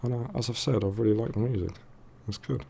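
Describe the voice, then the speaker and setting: Low, creaky man with a sore throat. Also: fairly even intonation, fast talker, warm tone, slight background noise. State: sore throat from a virus, thick congested voice. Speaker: gaming video host. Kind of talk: casual let's play commentary.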